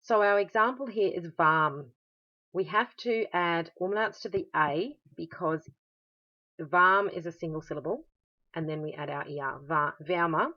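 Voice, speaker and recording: Australian female language teacher, low-pitched voice, patient explainer, recorded lesson on a dull lo-fi recording. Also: measured pace. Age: adult. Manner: patient, explanatory, with frequent "um" fillers. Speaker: German teacher.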